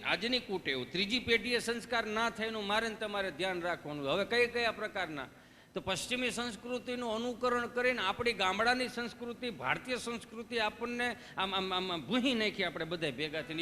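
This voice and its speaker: His high voice moves briskly as he tells stories onstage. The male folk comedian, speaking with a Kathiawadi Gujarati accent, animatedly plays every role in the dialogue with different voices for a live audience, in a reverberant hall where faint music plays.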